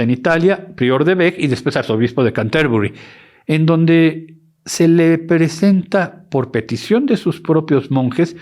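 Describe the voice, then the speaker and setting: Male lecturer, somewhat high voice, animated delivery, self-correcting as he explains. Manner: animated, often stops to correct himself. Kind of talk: educational lecture.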